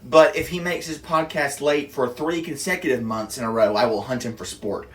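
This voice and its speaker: A young man hosting a casual podcast, cracking deadpan dark jokes. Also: medium pitch, normal speed. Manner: joking, deadpan dark humor. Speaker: podcast host. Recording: echoey room, distant from mic.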